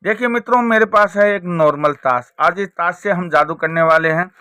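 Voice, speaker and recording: High, bright-voiced man teaching a card trick. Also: normal speed, smooth, no room sound. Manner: repetitive step-by-step explaining with rhetorical questions. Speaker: magic trick teacher and presenter. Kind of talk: spoken card trick tutorial.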